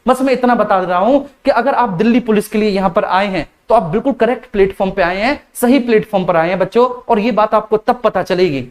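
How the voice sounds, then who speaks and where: A male teacher giving a live online class, speaking slowly and deliberately, repeating key points and calling his students "beta". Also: high-pitched. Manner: slow, deliberate delivery.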